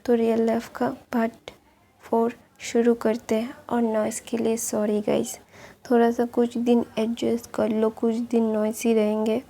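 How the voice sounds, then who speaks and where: A woman with a sore throat retelling a story in a slow, effortful, casual way as the channel host. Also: fairly high pitch, completely flat delivery, gravelly, warm tone.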